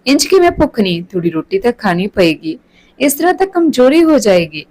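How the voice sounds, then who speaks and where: A woman's voice: on the high side, very animated, a little fast, darkish tone, rough recording. A woman voicing an earnest, chatty young village girl in a storybook reading. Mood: caring.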